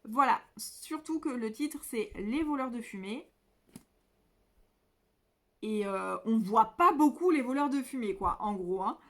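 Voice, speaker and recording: Young female book vlogger, slightly high voice, casual and chatty, lots of fillers. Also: animated, a little slow, long pauses, fairly bright tone. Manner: chatty, hesitant, many fillers and restarts. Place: indoors at home by a window.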